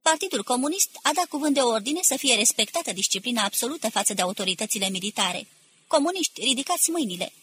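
A woman reading aloud, voicing a male militia commander who shouts slow, forceful orders to exhausted troops. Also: a little high, lively intonation, breathy edge, no echo, heavily acted. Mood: rousing, commanding.

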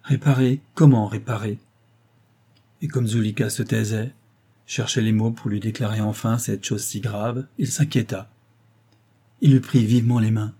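Husky dark-voiced male narrator. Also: fairly low pitch, fairly even intonation. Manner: measured, lyrical narration. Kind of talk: audiobook reading of a classic short story.

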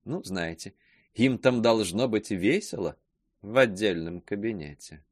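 A man's voice: lowish voice, expressive, no room sound, clean studio sound. A man reading aloud voicing a gossipy old spinster woman who talks in sly, insinuating hints. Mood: sly gossip. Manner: insinuating, drawn-out pauses.

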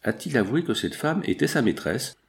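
A man's voice: medium pitch, sing-song, normal speed, gravelly. A man voicing a hurt, insistent young noblewoman. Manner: pleading, pressing questions. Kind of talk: audiobook character voice.

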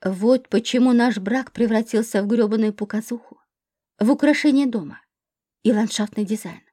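A woman reading the part of a furious, bitter husband who shouts accusations at his wife in an audiobook. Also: a little high, normal speed, close to an everyday voice.

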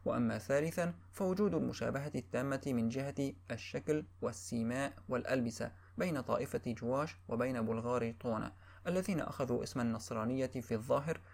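A man giving a steady, measured formal reading of a classical history book. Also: mid-range voice, gravelly.

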